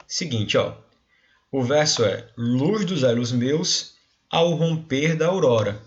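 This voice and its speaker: A man's voice: a little high, a bit bright, muffled recording. A male teacher with a Brazilian Portuguese accent, explaining a recorded class and often checking in with his students. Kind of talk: recorded remote class lesson.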